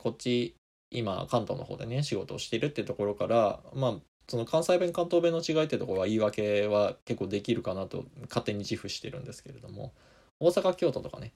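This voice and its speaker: A man's voice: lowish voice, gravelly, darkish tone, slightly rough. A man from Kansai, Japan, hosting a podcast and answering listener comments in a meandering, chatty way. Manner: meandering, chatty, many small asides. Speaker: podcast host.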